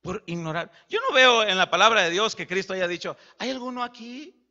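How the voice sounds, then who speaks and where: A man preaching a sermon as pastor, animated and acting out dialogue. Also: high voice, brisk. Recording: dull lo-fi.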